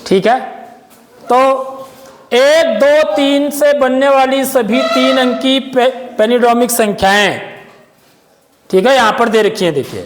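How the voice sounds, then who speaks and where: A man's voice: extremely high pitch, unhurried, pauses often, a little hiss or hum. A man teaching a maths lesson to pupils in a classroom, often checking that they follow with questions. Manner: keeps checking understanding with questions. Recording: echoey room with long reverb.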